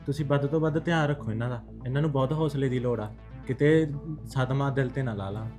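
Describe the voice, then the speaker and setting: An actor playing a businesslike village doctor who gives quick instructions. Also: mid-range voice, over music, close to an everyday voice. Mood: brisk.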